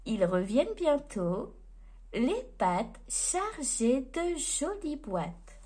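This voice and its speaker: Gentle expressive woman reading bedtime story. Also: high voice, extremely slow.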